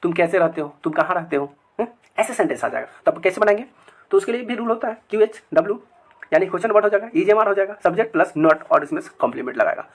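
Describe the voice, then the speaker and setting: A man teaching English grammar to children in a video lesson, repeating each example sentence slowly several times. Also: high-pitched, animated, husky. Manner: addresses viewers as children. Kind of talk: Hindi-language grammar lesson.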